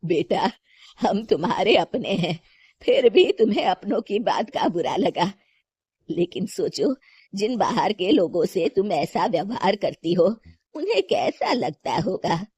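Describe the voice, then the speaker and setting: A woman voicing a stern older mother-in-law who lectures slowly and reproachfully. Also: medium pitch, very animated, darkish tone, breathy edge, dry recording, exaggerated voice. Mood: advising.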